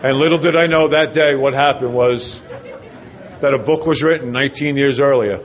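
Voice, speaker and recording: An older man from New Jersey recounts his recovery story to a packed convention hall at normal speed, his pitch sitting in an ordinary middle range, with some chatter and slight noise in the background. His testimony stays conversational and self-deprecating, dropping low and quiet to emphasize what matters.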